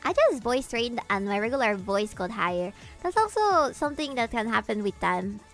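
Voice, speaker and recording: A woman streamer chatting casually with her viewers in an animated, giggly way, her voice swooping upward when excited. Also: a little high, moderate pace, soft background music. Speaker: VTuber streamer. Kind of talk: casual livestream chat, answering viewers.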